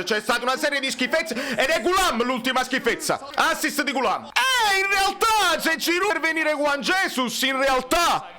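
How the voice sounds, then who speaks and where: Neapolitan guy yelling through a live match reaction, really high bright voice, keeps going no no no. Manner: excitable, shouting, repeats himself. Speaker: fan channel host. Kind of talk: live fan match commentary.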